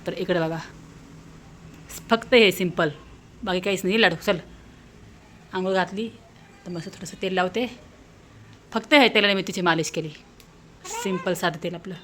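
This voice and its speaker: A woman's voice: fairly low pitch, moderate pace, pauses often, fairly bright tone, a little hiss or hum. A woman from Maharashtra in her thirties, a mother vlogging at home, chatting to viewers and explaining her chores step by step. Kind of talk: casual vlog narration to viewers.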